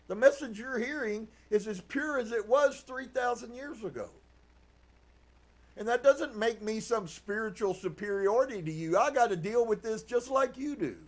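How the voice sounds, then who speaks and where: High-voiced preaching man. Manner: earnest, reflective, with soft laughs. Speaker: pastor. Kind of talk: preaching from a book reading. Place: live stream.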